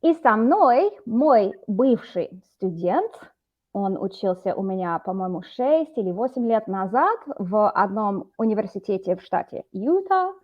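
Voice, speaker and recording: A woman's voice: medium pitch, big pitch swings, unhurried, dull audio. A woman tutoring a student over a video call, explaining words patiently. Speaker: Russian teacher. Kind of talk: online language lesson.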